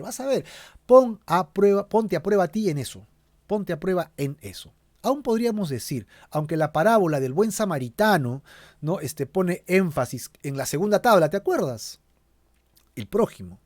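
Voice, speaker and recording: A pastor teaches a Bible study in an earnest voice that sits fairly high for a man, speaking straight to the listener. The sound is dry and close, with no room echo. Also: darkish tone. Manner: earnest, addresses listener directly.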